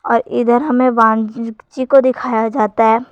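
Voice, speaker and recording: High-voiced woman narrating a fan fiction story. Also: a little slow, smooth, no room sound. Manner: steady retelling with "he says" tags. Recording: dull lo-fi sound.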